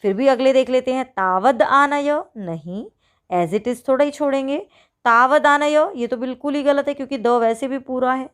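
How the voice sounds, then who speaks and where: Higher-voiced woman teacher quizzing pupils. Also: a little mellow. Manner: talks to pupils as children, asks and answers her own questions; stretches out each example slowly. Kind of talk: online worksheet walkthrough.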